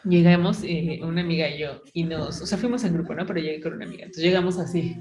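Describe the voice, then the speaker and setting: A woman's voice: low-pitched, steady tone, fast talker, roomy sound, crowd noise. A woman with a Mexican accent hosting a podcast, chatting casually and filling her story with "o sea" and "¿no?". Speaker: podcast host. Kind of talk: casual chat.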